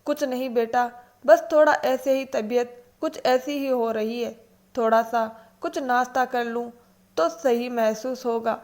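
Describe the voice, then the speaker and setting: Woman reading a put-upon older mother, soft-spoken and resigned, fairly high voice; storybook read-aloud. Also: a little slow.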